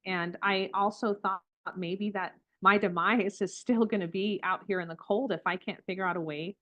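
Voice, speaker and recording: A woman's voice: mid-range voice, steady tone, moderate pace, pushed and bright. A woman interview guest telling her own story earnestly and vividly, quoting her own thoughts along the way. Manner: earnest, vivid retelling with quoted inner thoughts.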